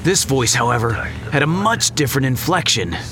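A man narrating a horror story in a low, hushed, suspenseful way. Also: expressive, moderate pace, background noise. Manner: low, hushed and suspenseful, jumping higher in dialogue.

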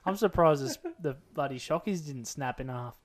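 A man's voice: a little high, expressive, moderate pace. A man with an Australian accent joking casually with his mates in blokey slang. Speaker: podcast co-host. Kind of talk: casual banter among mates.

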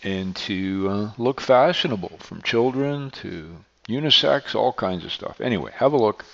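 A middle-aged or older man hosting a podcast alone, talking casually and earnestly in a halting way. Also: on the low side, lively intonation, creaky, a bit bright, slight background noise. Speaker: podcast host, beekeeper. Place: echoey makeshift indoor studio. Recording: echoey hall-like studio, dull sound.

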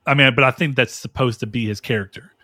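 Measured man in casual film chat. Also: mid-range voice, steady tone, pushed and bright, no echo, studio quality. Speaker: podcast co-host.

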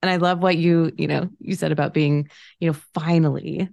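Low gravelly woman in her late thirties. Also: steady tone, dry recording, clean studio sound. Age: late 30s. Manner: warm affirming, drawn-out phrasing with fillers. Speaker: podcast host, financial planner. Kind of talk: casual conversation.

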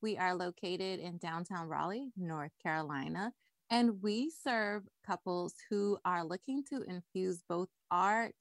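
A woman's voice: fairly low pitch, a little slow, no echo. A woman from the Bahamas, a wedding cake designer, chatting upbeat as a podcast guest. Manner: upbeat, chatty, frequent laughs and "like".

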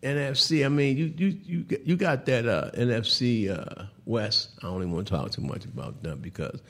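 Gravelly-voiced man hosting a sports talk show. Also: mid-range voice, moderate pace. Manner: animated, laughing, teasing rival fans; repeats words and restarts often. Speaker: host.

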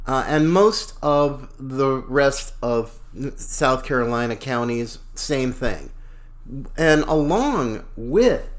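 A man hosting a talk show with casual, folksy, opinionated and slangy political commentary. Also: a little high.

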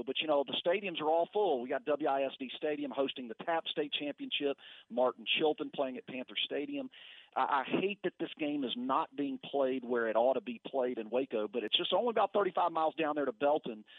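A man's voice: on the high side, no room sound. Middle-aged man on a tinny phone line. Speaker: sports broadcaster. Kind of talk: casual sports radio interview. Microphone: phone call.

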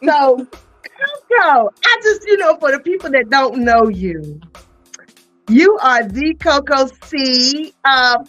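A woman from North Carolina, hosting a casual chat podcast in a loud, playful, slangy way. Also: high voice, big pitch swings, takes it slowly, soft background music. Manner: loud, playful, chatty, drops into Southern slang. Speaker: podcast host.

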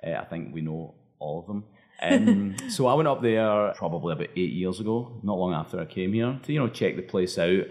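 A man's voice: low-pitched, animated, brisk, darkish tone. A man with a thick Scottish accent answering interview questions conversationally as a bar owner. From Scotland.

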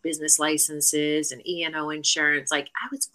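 A woman's voice: sits low, level tone, moderate pace, sharp tone, poor audio. A middle-aged woman, a real estate agent, chatting as a podcast guest and telling stories with lots of fillers and restarts. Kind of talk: casual podcast interview.

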